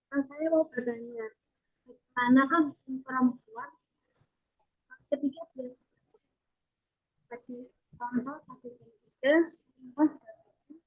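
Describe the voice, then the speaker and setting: A woman asking a question in an online study session, hesitant and halting, her audio breaking up over the call. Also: sits high, fairly even intonation, breathy edge. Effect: choppy audio breaking up over an online call. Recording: thin phone-like online call audio, far from the mic.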